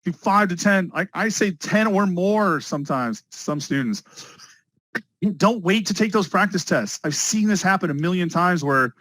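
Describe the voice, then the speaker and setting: A man teaching a test prep class live, energetic and talking straight to his students, often repeating key words. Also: on the high side, no echo, poor audio. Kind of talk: live online class lecture.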